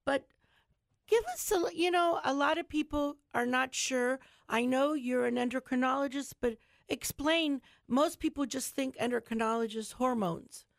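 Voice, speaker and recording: A woman's voice: high-pitched, normal speed, gravelly, no room sound. A woman hosting a talk show, chatty and effusive, full of heartfelt praise for her guests.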